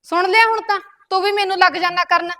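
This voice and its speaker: A woman's voice: extremely high pitch, fairly even intonation, fast talker, bright, forceful tone, no room sound, studio quality. A woman playing a bossy elder sister-in-law who nags and scolds in a comedy skit. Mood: scolding. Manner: scolding, keeps tagging lines with a curt "tell me".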